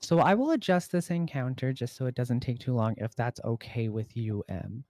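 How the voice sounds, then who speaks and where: A man running a tabletop game as game master, narrating in a relaxed way with lots of fillers. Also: medium pitch, moderate pace, soft background music.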